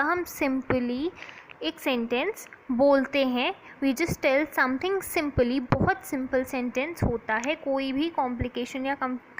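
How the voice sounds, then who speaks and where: A woman teaching English grammar in a casual classroom manner, chatting in Hindi and reading English definitions slowly and deliberately. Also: high-pitched, a bit bright, slight background noise, rough recording.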